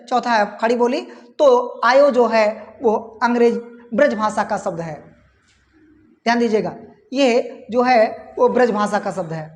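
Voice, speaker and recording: A woman's voice: fairly high pitch, in a large hall. A woman teacher going through exam questions, reading out the options and repeating key words. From India. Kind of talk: exam-prep lesson.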